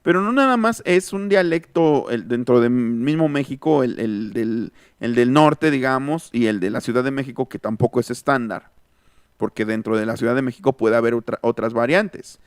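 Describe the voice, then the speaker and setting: A man with a Mexican Spanish accent teaches an online linguistics class, thinking aloud and responding to student comments as he goes. His mid-range voice moves at a moderate pace with a clean tone. The close-mic recording is studio quality, with no room sound.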